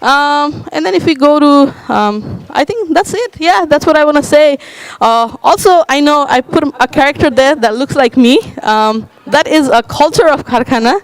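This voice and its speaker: Woman from Nepal, high voice, dry close sound, hesitant, panel talk. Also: animated, moderate pace, few pauses, dry recording, low-quality recording. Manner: hesitant, many uhs and likes. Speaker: panel speaker. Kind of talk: conference presentation.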